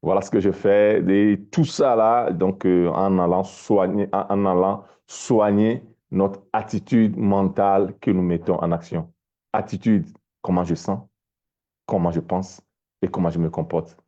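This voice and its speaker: Deep, dark-voiced man coaching. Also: fairly even intonation, highs cut off. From Togo. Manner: halting, repeats words often. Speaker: life coach. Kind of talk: motivational talk on a live stream.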